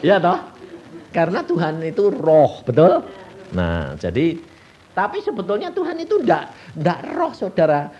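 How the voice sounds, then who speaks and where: A man's voice: on the high side, wildly swooping pitch, a little slow, a little mellow, dull audio. A male evangelist with a Javanese Indonesian accent, preaching a folksy sermon and answering his own questions. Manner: folksy, asks the congregation questions and answers them himself.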